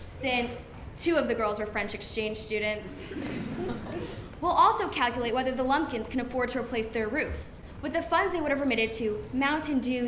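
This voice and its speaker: A young woman with a high voice declaims a comic monologue. Her elocution is prim and precise, with a deadpan, mock-formal air. The recording is echoey, with clear noise behind her. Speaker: student declaimer. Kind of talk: scripted comic monologue recitation to an audience. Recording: noisy, echoey room recording.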